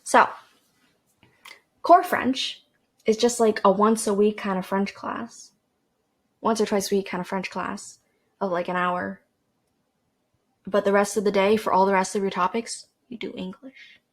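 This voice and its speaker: A woman's voice: mid-range voice, fairly even intonation, a little slow, long pauses. A young woman from Canada, hosting a podcast and rambling casually into a desk microphone, chatty and self-deprecating, with fillers and restarts. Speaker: podcast host. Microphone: desk microphone with a cord.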